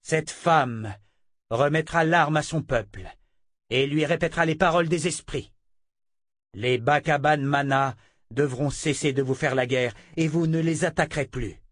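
A man's voice: a little high, a little slow, fairly bright tone, no echo, clean studio sound, voice pushed up. A man reading an audiobook voices a commanding young hero who gives stern orders. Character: commanding angry young male seeker.

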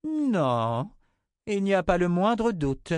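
Man voicing an icy, calm mother confessor woman. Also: high voice, slow, clear, resonant tone, no echo, voice pushed up, heavily acted. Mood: coldly calm. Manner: icy, unshakably composed.

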